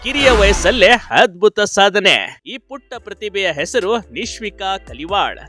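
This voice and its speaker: A man narrates a news feature in a high, bright voice that carries an emphatic, dramatic push. His scripted delivery mixes in folksy asides to the viewer, with faint music underneath. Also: animated, normal speed.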